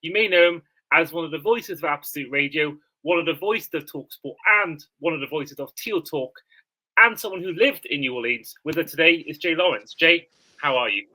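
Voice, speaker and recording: A man from Wales hosts a sports podcast, friendly and chatty. His voice is bright and a little high. He keeps things easy with his guest. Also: a little fast, rough recording. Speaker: podcast host. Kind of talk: casual podcast chat.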